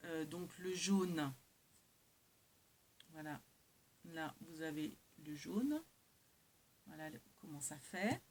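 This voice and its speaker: Her low voice is a little mellow, and she takes it slowly with frequent pauses. As a craft vlogger showing her viewers items from a haul, she chats in a hesitant, rambling way and keeps correcting herself. Background hiss runs under an otherwise clear recording.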